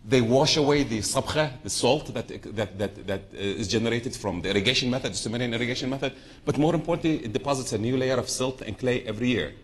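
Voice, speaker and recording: A man's voice: medium pitch, quick pace, few pauses. A middle-aged man from southern Iraq speaking on a conference panel, talking off the cuff, wandering off topic and often restarting sentences. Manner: unscripted, digressive, frequent restarts.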